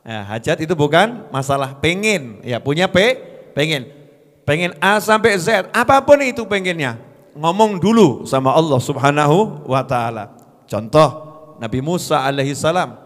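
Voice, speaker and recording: Man, preacher, fairly high pitch, lively sermon, stammers. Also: normal speed. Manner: lively, acts out prayers in a pleading voice, stammers on words. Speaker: Islamic preacher.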